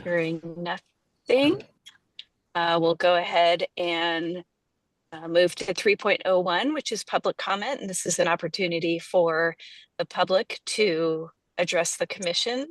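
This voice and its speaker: A woman with a slightly low voice chairs a public meeting from the cab of a moving truck. She works through procedure in a halting, apologetic, informal way, and her sound is close and dry. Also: dry recording. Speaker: commission chair running the meeting.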